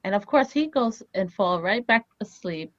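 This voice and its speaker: Speaking at normal speed in a mid-range voice, this Haitian Creole-speaking woman in her thirties works as a family therapist and is an animated storyteller in an interview, full of "you know" fillers. The audio is dull with no echo.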